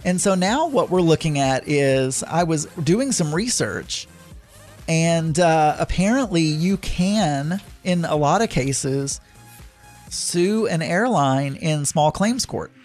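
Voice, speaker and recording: A man's voice: on the high side, expressive, slow pace, a little mellow, soft background music. A man casually telling a story to his viewers, rambling with lots of fillers and restarts.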